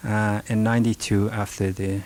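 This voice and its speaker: Speaking halting English in an Afghan accent, a middle-aged rug merchant from northern Afghanistan takes audience questions following a presentation in a library meeting room. His voice sits on the low side with a flat delivery, soft-spoken and peppered with fillers and restarts. Faint hiss marks the archival recording.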